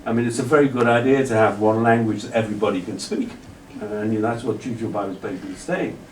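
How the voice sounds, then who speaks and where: A male lecturer with a fairly low voice and steady tone talks quickly as he gives a long, meandering answer to an audience member, with many restarts and "you know"s. The mic sits far off in the lecture hall, giving roomy audio and slight background noise.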